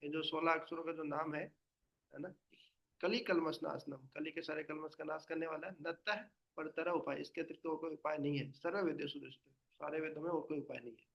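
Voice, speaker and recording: A man's voice: fairly high pitch, fairly even intonation, a little fast, vocal fry, lo-fi sound. A man leading a devotional study session, explaining patiently and quizzing his listeners with questions. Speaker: spiritual teacher.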